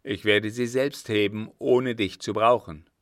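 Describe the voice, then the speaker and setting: A man doing a gruff, scheming old man. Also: fairly low pitch, fairly even intonation, measured pace, fairly bright tone, no room sound, studio quality. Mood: sardonic. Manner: sardonic, calculating.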